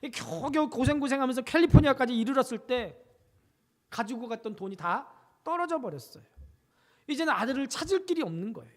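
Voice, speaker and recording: A woman's voice: sits high, lively intonation, fairly quick. A woman pastor preaching, telling a story with rhetorical questions and acted-out quotes. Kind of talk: sermon. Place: church sanctuary. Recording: long reverb of a church sanctuary.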